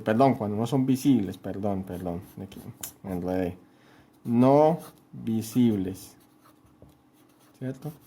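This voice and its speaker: A man's voice: medium pitch, a little mellow. Patient male teacher checking understanding. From Colombia. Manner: explains patiently, often checks understanding with "¿cierto?"; writes on a board while talking. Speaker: chemistry teacher. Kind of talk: home-school lesson at a whiteboard.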